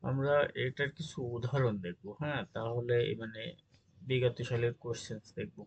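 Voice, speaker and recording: A man's voice: medium pitch, fairly even intonation, normal speed, low-quality recording. A man teaching an exam-prep grammar lesson, reading out word lists and often checking in with his listeners. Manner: reads word lists, checks in with "ঠিক আছে?".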